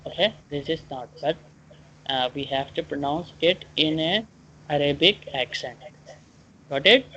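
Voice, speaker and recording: Slow, halting Quran teacher, muffled call. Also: mid-range voice, pushed and bright. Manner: halting, repeats points and checks understanding often. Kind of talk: one-on-one online lesson, explaining and drilling pronunciation. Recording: dull lo-fi online call, clear background noise.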